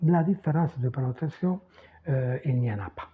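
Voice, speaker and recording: A man teaching a language lesson at a board, slow and methodical, repeating example words. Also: mid-range voice, lively intonation, breathy edge. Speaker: Italian teacher. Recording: tinny phone-like sound.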